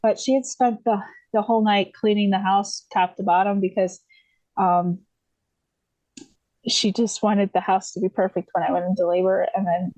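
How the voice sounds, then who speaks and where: A woman's voice: mid-range voice, steady tone, moderate pace, darkish tone, dry recording, rough recording. A woman from the USA, a podcast guest, telling her story casually, with many fillers, restarts and light laughs.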